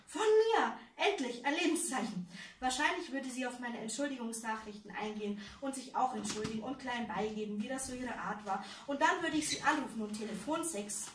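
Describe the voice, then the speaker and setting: Author reading to fans, giggly asides; higher voice, distant, faint noise. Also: female voice, a little fast, few pauses, roomy sound. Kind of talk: live book reading with banter. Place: fan meeting room.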